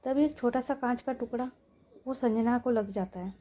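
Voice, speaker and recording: A young woman tells a story in a relaxed, chatty manner, often checking in with her listeners. Her voice sits fairly high but sounds very mellow and husky. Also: moderate pace. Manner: chatty, talks to listeners with asides. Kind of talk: casual story narration.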